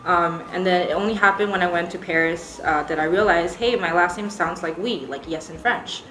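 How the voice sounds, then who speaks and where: This young Singaporean baker, who has an American accent, answers interview questions chattily, laughing easily and saying "um" a lot. Her voice sits on the low side at a moderate pace. The room is echoey, with music and a crowd audible behind her.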